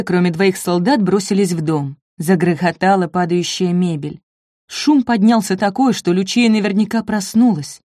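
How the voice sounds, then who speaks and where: A woman narrating a novel in a steady scripted reading. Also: fairly low pitch, dry recording, studio quality. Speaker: audiobook narrator.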